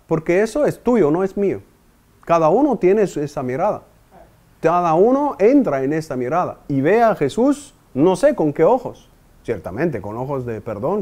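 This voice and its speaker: A man's voice: on the high side, warm tone. A man preaching a meditation talk, asking his audience questions and speaking emphatically.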